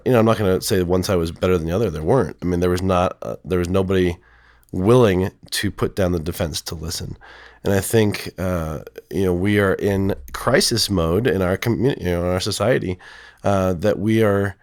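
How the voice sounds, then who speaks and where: A male counselor with a voice lowered by illness, explaining in a rambling, hesitant way full of fillers. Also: moderate pace, a little mellow, no room sound, studio quality. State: sick, voice lowered from strep throat. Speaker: counselor and podcast co-host. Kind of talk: casual podcast conversation.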